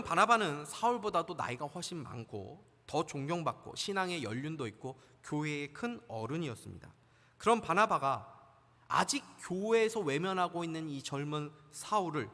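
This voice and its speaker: Bright high-voiced pastor preaching in a hall. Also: male voice. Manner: preaching with rhetorical questions, conversational asides. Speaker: senior pastor. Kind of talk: sermon. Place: church sanctuary.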